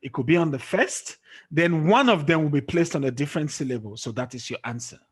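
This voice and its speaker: A man's voice: on the high side, animated, a little fast, husky. A man teaching an English pronunciation lesson over a video call, checking often that his student follows. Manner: checks understanding often with "okay?". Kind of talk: online tutoring lesson.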